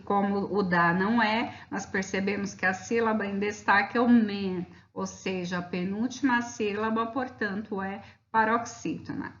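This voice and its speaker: A woman teacher explains a grammar lesson from her slides, patient and methodical, drawing out example words slowly. Her voice sits in a roomy space with noticeable echo. The sound is dull and slightly lo-fi. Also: mid-range voice, a bit bright.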